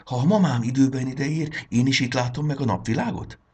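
A man voicing an eager little fairy girl in a children's storybook, raising his voice high for her. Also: breathy edge. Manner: eager, excited.

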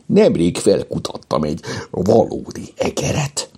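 A boastful, lazy tomcat who brags and whines, as a man reading a storybook puts him on. He speaks near the reader's own low, husky voice, dark and mellow. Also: huge pitch swings, in a whisper, full character voice. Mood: smug. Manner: bragging and whiny. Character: boastful, lazy male pet cat.

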